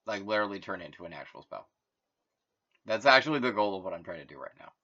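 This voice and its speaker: A man's voice: deep voice, expressive, quick pace, bright, forceful tone. A man hosting his own channel, talking in a meandering, casual solo monologue full of fillers and self-corrections. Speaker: host. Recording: dull lo-fi recording.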